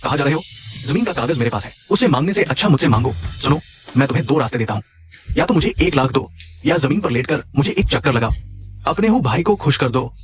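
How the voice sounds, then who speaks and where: A man's voice: medium pitch, lively intonation, fast, soft background music, natural voice. A man voicing a swaggering, boastful village bully who taunts his rival in a dubbed drama. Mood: mocking.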